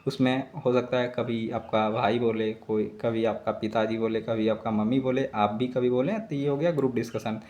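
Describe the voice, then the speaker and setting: A man's voice: mid-range voice, fairly even intonation, darkish tone. Male tutor reading through exam questions. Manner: reads English questions slowly then explains in Hindi. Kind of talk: explaining quiz answers in Hindi lesson.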